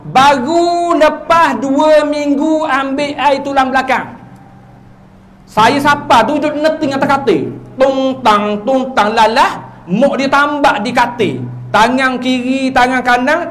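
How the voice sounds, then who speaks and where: A man with a Terengganu Malay accent giving an evening lecture as a religious teacher in a village prayer hall, telling stories with sudden swings between loud and soft. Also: slight background noise. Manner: lively storytelling with sudden swings in pitch and loudness.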